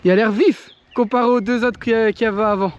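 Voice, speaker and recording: A man's voice: sits high, steady tone, fast, dull audio, a little hiss or hum. A man explaining his home renovation work outdoors in a casual, chatty way, with loose swearing. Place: outdoors at a rural property.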